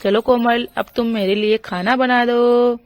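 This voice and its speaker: A woman voicing a village husband and father in a doll storybook, speaking in a lowered voice with a fussing, boastful manner. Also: steady tone, measured pace, clear, resonant tone, no echo, close to an everyday voice.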